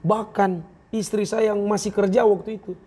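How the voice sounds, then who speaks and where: A man's voice: high voice, steady tone, normal speed, dark tone, breathy edge. A man giving an earnest, emotional personal testimony as an interview guest, acting out the words of others as he tells it. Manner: earnest, emotional, acts out quoted speech.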